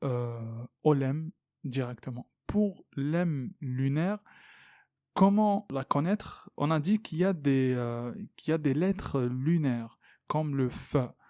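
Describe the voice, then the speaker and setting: Male tajwid teacher, patient and hesitant, mellow tone, close dry mic. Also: mid-range voice, expressive, no echo. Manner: patient, repeats sounds slowly, many fillers. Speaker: Quran recitation teacher. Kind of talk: tajwid lesson, explaining and demonstrating pronunciation.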